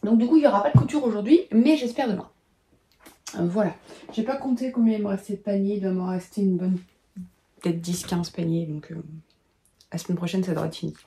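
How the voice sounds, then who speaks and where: Woman in her thirties, warm and relaxed, thinking aloud in a casual home vlog. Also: medium pitch, brisk, pauses often, slight background noise. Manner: chatty, many filler sounds, thinks aloud. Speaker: knitting vlogger and pattern designer. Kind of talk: casual chat to camera. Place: home at a desk, lit by a lamp.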